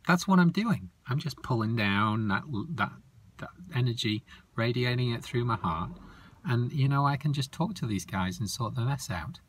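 Bubble Monster, read by a man, earnest and lively. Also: medium pitch, normal speed, a little hiss or hum, voice pushed up, natural voice. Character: Bubble Monster, cheerful calm male monster.

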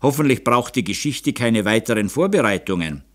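A man voicing a cautious, tactful doctor who speaks in a measured, deferential way. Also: mid-range voice, expressive, natural voice.

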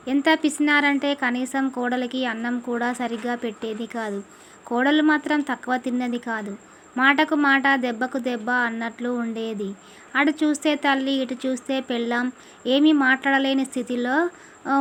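A woman narrating a folk tale with steady, expressive storytelling. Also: sits high, a little hiss or hum.

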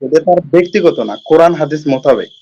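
Man, debate caller, insistent, rapid speech, muffled lo-fi call audio. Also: a little high, expressive, crowd noise. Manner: insistent, argues from scripture. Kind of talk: heated live debate.

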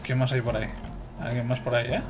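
A man's voice: medium pitch, little pitch movement, quick pace, over loud music. A man from gives chatty, exclamatory commentary while playing a video game and talking to his viewers. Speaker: gameplay streamer. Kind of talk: casual gameplay commentary.

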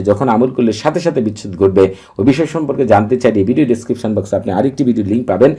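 Guy with a husky mellow voice walking viewers thru a ritual step by step, repeats himself a lot. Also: on the low side. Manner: repetitive, steady step-by-step instructions; recites long Arabic formulas in a chanting cadence. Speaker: Islamic ritual instructor. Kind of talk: instructional talk to viewers.

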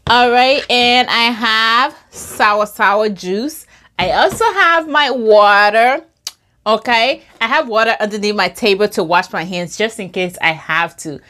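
A woman's voice: medium pitch, normal speed, fairly bright tone. A middle-aged woman from Liberia, chatting casually to camera at her table at home while she eats. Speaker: vlogger. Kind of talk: casual mukbang chat to camera.

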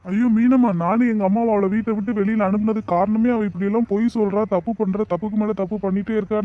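Brief: man voicing a wronged young husband in a cartoon, high-pitched and rapid, complaining. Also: dry recording, phone-quality sound, lightly acted. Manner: complaining, aggrieved, rhetorical questions. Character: exasperated young husband, wronged and self-pitying.

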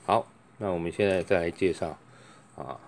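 There's a gravelly edge to this microphone seller's low voice, and a bit of hiss or hum sits under the recording. Demonstrating his products, he chats loosely, drags out "oh" whenever he pauses, and calls into every mic as a test.

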